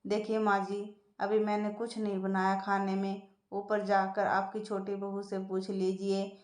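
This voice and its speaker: A woman voicing a sharp-tongued, curt daughter-in-law in a storybook reading. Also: medium pitch, monotone, measured pace, close to an everyday voice. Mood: scolding. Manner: curt, irritated. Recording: echoey room.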